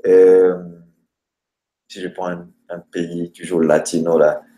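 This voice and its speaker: Male teacher, lowish voice, halting lesson delivery with slowed examples, recorded in a reverberant room. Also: level tone, warm tone. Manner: hesitant, many filler sounds, slows down for example words. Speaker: language teacher. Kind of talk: explaining grammar with word lists. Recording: roomy echoey room.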